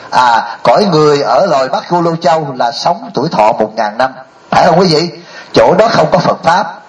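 A man's voice: a little high, rough recording. An older man giving a Buddhist dharma talk, telling stories and often asking the audience rhetorical questions. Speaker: Buddhist monk.

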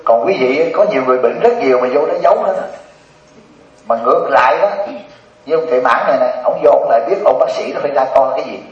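A man with a Southern Vietnamese accent, a Buddhist monk giving a humorous dharma talk to a congregation as a lively, teasing storyteller. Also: mid-range voice, fast. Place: hall with a live audience. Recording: roomy dull sound from a distant mic.

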